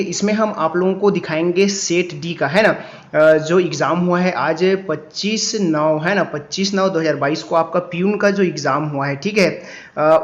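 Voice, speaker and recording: A man with a high voice and a Chhattisgarhi Hindi accent takes viewers through exam answers like a coaching teacher. He explains patiently and checks in with little tags after each point. He slows right down whenever he reads an English question aloud. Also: lo-fi sound. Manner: explanatory, repeats "है ना" and "ठीक है" often, reads English questions slowly. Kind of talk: exam answer walkthrough lesson.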